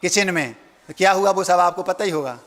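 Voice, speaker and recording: A man's voice: high-pitched, normal speed, a bit bright. A man, a monk preacher, giving a folksy storytelling sermon, acting out family voices and asking his listeners questions. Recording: hall reverb.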